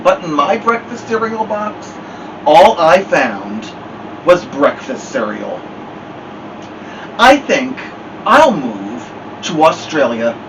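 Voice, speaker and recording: Man reading as a grumpy little boy, very animated. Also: fairly high pitch, far from the mic, background noise, heavily acted. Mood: sulky. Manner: exasperated, drawn-out emphatic words. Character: grumpy, put-upon young boy telling his bad day. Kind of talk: picture-book read-aloud.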